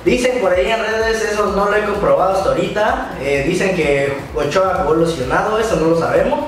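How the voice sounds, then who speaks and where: A man's voice: high voice, a little fast. Young Mexican man, slangy, echoey room. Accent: Mexican Spanish. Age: young adult. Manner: loose, joking, full of slang and fillers. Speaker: YouTuber hosting a news segment. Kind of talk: casual slangy news chat to camera. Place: small indoor room, bedroom studio. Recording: echoey room, mic far off, faint hiss.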